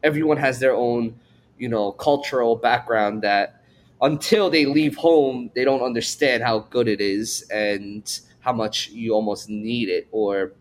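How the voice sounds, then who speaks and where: A man from Korea who was raised in New York appears as a chef guest on a podcast, in a casual interview. His mid-range voice runs a little slow as he talks thoughtfully and ramblingly, with many fillers and restarts.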